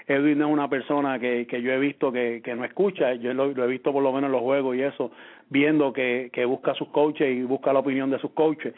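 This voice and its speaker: A man's voice: medium pitch, steady tone, fairly quick. A man with a Puerto Rican accent on a sports podcast, talking casually about managers and player roles, often restarting his words. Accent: Puerto Rican Spanish. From Puerto Rico. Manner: restarts and repeats words, thinks aloud. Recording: tinny phone-like line.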